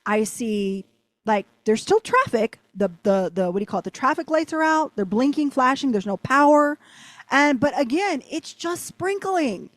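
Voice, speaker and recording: A woman's voice: sits high, moderate pace, no room sound. A woman telling a rambling personal story as an interview guest, with lots of "like". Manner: animated, rambling, heavy use of "like". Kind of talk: casual storytelling.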